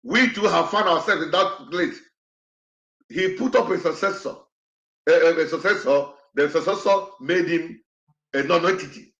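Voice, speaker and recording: A man's voice: a little high, a bit bright, echoey room, muffled recording. A man hosting an online show, speaking in an impassioned, repetitive way that falters when he gets upset. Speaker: show host. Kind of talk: emotional commentary to an online audience.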